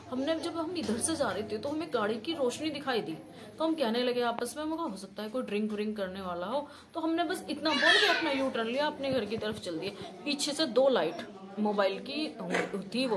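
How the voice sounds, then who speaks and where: A woman giving an urgent eyewitness account to a reporter. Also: a little high. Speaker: witness. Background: crowd.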